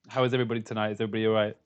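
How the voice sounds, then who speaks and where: English guy, 30s, live-streaming dev, chatty and rambling, trips over his words. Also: on the low side. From London, England. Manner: rambling, stammering restarts, frequent laughs. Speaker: game developer streaming live. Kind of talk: casual live stream chat with viewers.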